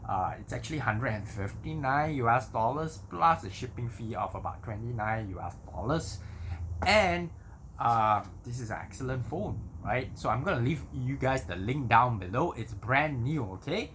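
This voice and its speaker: A man chats through an unboxing vlog in an amateur recording with some background noise. His pitch is mid-range, and he talks conversationally, checking in with little tag words as he goes. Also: animated, moderate pace, a bit bright. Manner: conversational, repeats himself with tag words like okay and right. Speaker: vlogger.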